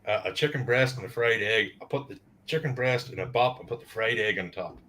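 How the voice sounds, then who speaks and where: A man's voice: on the low side, a little fast, pushed and bright. A man chatting casually on a video call, telling crude jokes and laughing at them. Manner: crude humor, laughs at his own jokes. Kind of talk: casual chat.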